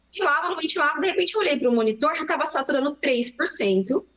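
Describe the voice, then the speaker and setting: A young adult Brazilian woman, a pediatrician, recounting a frightening story in an interview with fast, emotional narration. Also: sits high, lively intonation, fairly bright tone. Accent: Brazilian Portuguese. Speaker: pediatrician guest.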